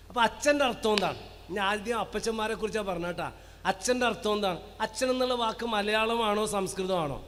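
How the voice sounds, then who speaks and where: High-voiced priest preaching in a reverberant hall. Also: male voice, fairly bright tone. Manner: rhetorical questions with call-and-response; slow emphatic listing of words. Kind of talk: parish sermon to a live congregation. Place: church hall with long reverb.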